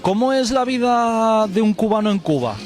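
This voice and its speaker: A man's voice: sits high, expressive, normal speed, darkish tone. A man interviewing a passer-by outdoors in a city, asking direct, probing questions. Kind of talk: street interview.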